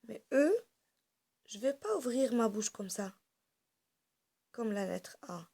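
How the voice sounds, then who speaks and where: A woman teaching young children their vowels, speaking very slowly and with deliberate care. Her fairly high voice carries a gravelly, creaky edge. She patiently repeats each sound several times as she explains it. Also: expressive, dark tone. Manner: explains step by step while drawing on a board. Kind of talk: phonics lesson for young children.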